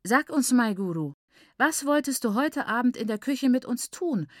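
A woman voicing a bitter, scornful mother who mocks and cackles in a raised, high voice. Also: lively intonation, moderate pace, no room sound, clean studio sound, lightly acted. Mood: mocking. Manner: cackling, jeering, shrill.

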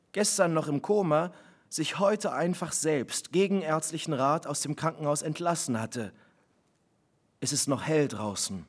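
A man, an author, reading his novel live in measured, reflective first-person narration. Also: fairly high pitch. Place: live reading in a broadcasting house.

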